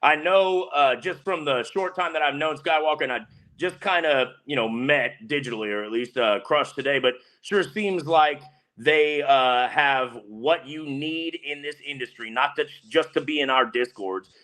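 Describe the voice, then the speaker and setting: A man's voice: on the high side, moderate pace, fairly bright tone. A man co-hosting a betting podcast in casual chat, blunt and fired up, ranting with swearing.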